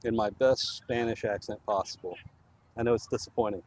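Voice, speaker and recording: A man's voice: lowish voice, fairly even intonation, brisk, noisy background. Easygoing male match commentator. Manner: chatty, easygoing, laughs easily. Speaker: play-by-play commentator for the home club. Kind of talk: casual live match commentary. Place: outdoor soccer field at a live match.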